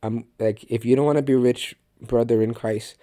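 A man's voice: mid-range voice, steady tone, normal speed, mellow, no room sound, clean studio sound. A man hosting a faith podcast, teaching in an earnest, conversational way with frequent restarts and direct remarks to the listener. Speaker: podcast host and Bible teacher.

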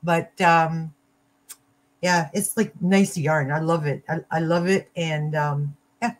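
An older woman with a slightly low voice and a slow pace. She hosts a casual livestream from home, talking haltingly and often trailing off to rephrase. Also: fairly even intonation. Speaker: crochet livestream host. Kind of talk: casual chat. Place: small cluttered room at home. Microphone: computer mic on a video call.

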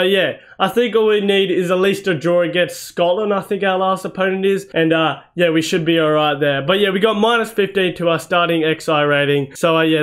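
High-pitched dude commentating his own football game, swears a lot, gets loud and worked up over misses. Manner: excitable, swearing, yelling at near misses. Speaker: gaming channel host. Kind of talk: live gameplay commentary.

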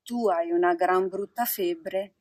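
A woman voicing a kindly female marmot in a storybook reading, speaking softly, patiently and consolingly. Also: fairly low pitch, slow pace, no echo. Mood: gentle.

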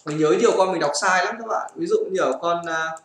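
A man's voice: a little high, brisk, fairly bright tone. A man giving chatty gameplay commentary, often checking in with his viewers. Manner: chatty, often asks "right, guys?". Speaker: mobile game YouTuber. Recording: echoey room with game music.

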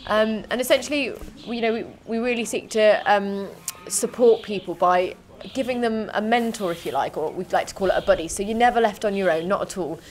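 A woman's voice: mid-range voice, a little fast, few pauses, a little mellow, a little hiss or hum. A young woman, a farm operations manager, answering interview questions outdoors in a chatty, enthusiastic way, often repeating words as she thinks. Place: outdoor animal pen.

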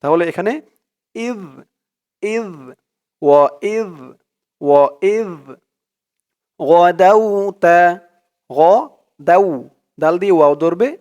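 A man teaching Quran reading, who recites verses slowly and melodically and then explains the pronunciation rules quickly and quietly. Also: sits high, animated, clean tone.

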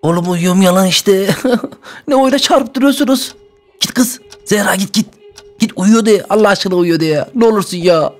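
A man playing a comic grumbling character over Roblox gameplay, excitable and often shouting. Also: high voice, moderate pace, soft background music. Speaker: gaming YouTuber.

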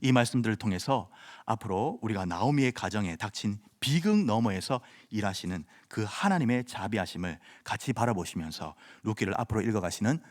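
Man preaching with lively pitch. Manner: measured preaching, explaining scripture. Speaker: pastor. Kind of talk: sermon.

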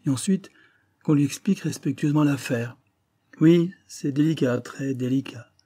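A man's voice: fairly high pitch, moderate pace, warm tone, pitched above the performer's own voice, lightly acted. Man doing a teasing, ironic police inspector. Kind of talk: audiobook character reading.

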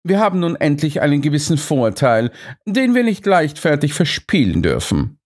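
A man voicing a sharp, aloof detective who speaks dryly and curtly in an audiobook. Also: fairly high pitch, sing-song, normal speed, pitched above the performer's own voice. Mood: cool, dry. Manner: dry, detached, curt.

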